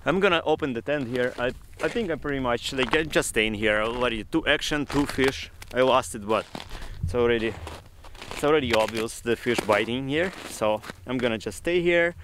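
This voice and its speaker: A man in his thirties talking to camera from an ice-fishing tent, in broken non-native English and breaking into excited exclamations. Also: mid-range voice, moderate pace, noisy background. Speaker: fishing vlogger. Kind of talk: casual vlog narration to camera. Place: inside an ice-fishing tent on a frozen lake. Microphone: action camera mounted in the tent.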